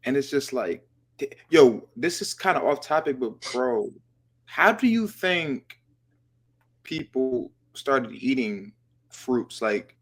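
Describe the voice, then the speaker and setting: Animated slangy man hosting a podcast. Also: mid-range voice, slow pace, breathy edge. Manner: slangy and animated, drops to a whisper for effect. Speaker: podcast host. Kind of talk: casual podcast chat.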